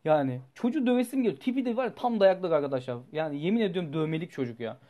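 A man's voice: a little high, very fast, dull audio. Young guy venting about his week, rambly, cusses a lot, gets worked up. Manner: rambling and animated, swears freely. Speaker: student telling a personal story. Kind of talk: casual storytelling vlog.

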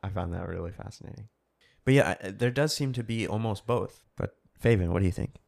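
A man with a very low voice and a gravelly, creaky edge, talking casually as a podcast co-host. He muses through his points and turns them into questions for the group. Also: a little fast, darkish tone. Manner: thinks aloud, poses questions to others. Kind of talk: casual book discussion.

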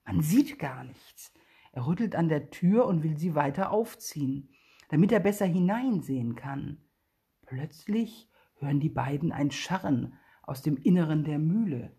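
Eine Frau liest lebhaft und ausdrucksvoll eine Kindergeschichte vor. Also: female voice, deep voice, moderate pace, husky. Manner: lively, expressive storytelling. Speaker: storyteller. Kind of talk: reading a children's story aloud.

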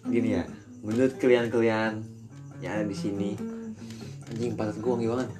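A man's voice: fairly low pitch, little pitch movement, moderate pace. A young man with a slurred r, chatting casually and crudely as a podcast host over music. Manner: lisp that slurs the r sound; crude, swearing banter. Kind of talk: casual joking chat. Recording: music playing behind the voice.

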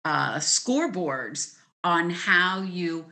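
A woman's voice: lowish voice, expressive, extremely slow, pushed and bright. A woman who teaches gifted students, explaining her ideas step by step as a guest in a conversational interview.

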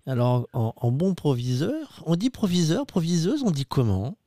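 A man's voice: fairly high pitch, sing-song, normal speed, dark tone, no room sound. A man hosting a radio interview who asks his questions playfully and searches for the right words. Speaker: radio host.

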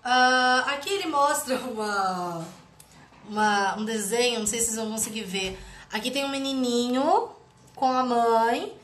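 A woman's voice: fairly high pitch, a little slow, a bit bright. Chatty woman teaching parents. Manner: chatty, often ends phrases with "né?". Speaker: parenting educator. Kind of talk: live teaching, reading a book aloud and commenting. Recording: echoey room.

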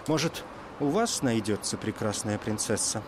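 A man voicing a crafty, fed-up old tsar in a fairy tale, gruff and exasperated. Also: fairly low pitch, expressive, normal speed, background noise, natural voice. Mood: sly.

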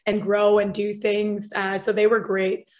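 A woman's voice: medium pitch, completely flat delivery, measured pace, a little mellow. A woman, a chatty, bubbly guest who laughs often in a casual interview. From Canada (Ontario).

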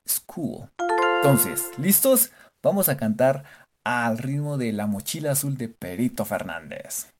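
A man hosts a playful language lesson, slowly and patiently spelling words out letter by letter. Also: mid-range voice, sing-song, faint music behind. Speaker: English teacher and show host.

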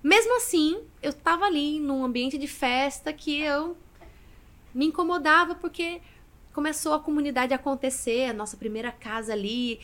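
Expressive woman telling her story. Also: high-pitched, normal speed. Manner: expressive storyteller, often adds "né". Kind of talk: casual podcast interview storytelling.

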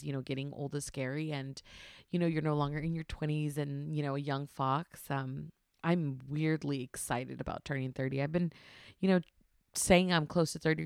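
A woman in her thirties hosts a podcast from home at night, rambling casually through a solo monologue with lots of fillers. She keeps her low, creaky voice hushed, trying not to be loud. The recording is dry and studio-clean.

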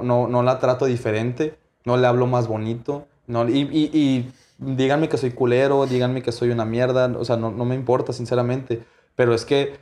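A man's voice: medium pitch, a little mellow. Blunt young Mexican man, opinionated chat. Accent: Mexican Spanish. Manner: blunt, opinionated, slangy, apologetic asides. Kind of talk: casual chat.

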